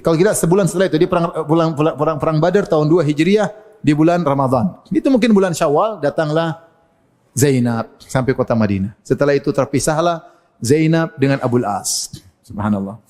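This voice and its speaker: A man's voice: on the high side, expressive, a little fast, a little mellow, big-room sound. A man preaching a sermon, telling stories with humor and acting out the people he quotes. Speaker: Islamic preacher.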